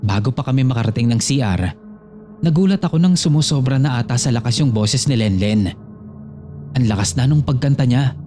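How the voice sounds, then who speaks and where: Mellow-voiced male horror narrator. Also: medium pitch. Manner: storytelling, reads a listener's letter addressed to the host.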